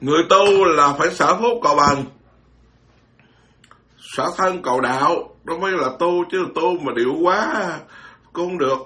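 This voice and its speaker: A man's voice: a little high, normal speed, pauses often, pushed and bright. A man, a Buddhist monk giving an informal dharma talk, blunt and scolding, mocking others and stammering through repeated words.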